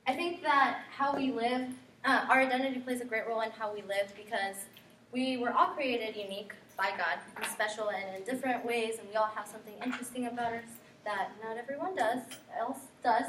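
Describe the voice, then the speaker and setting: A young woman from guatemala talks through a class presentation, earnest and sprinkled with ums. her voice sits a little high and comes from across an echoey classroom. faint background hiss. recorded from far off. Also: brisk, a bit bright. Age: young adult. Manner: earnest, filler-heavy with frequent ums and likes. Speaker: student presenter.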